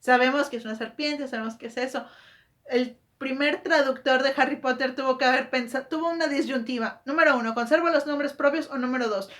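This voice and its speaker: A book vlogger talks in a casual, chatty explanatory monologue, her voice sitting high, fairly quick and a bit bright. She corrects herself as she goes and tosses out rhetorical questions.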